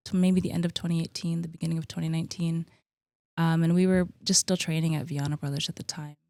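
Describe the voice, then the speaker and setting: Speaking fast in a low-sitting voice, a thirty-something woman who co-owns a gym is a podcast guest in a casual interview. She's chatty and at ease, with plenty of "like" and "um" fillers. No echo is present.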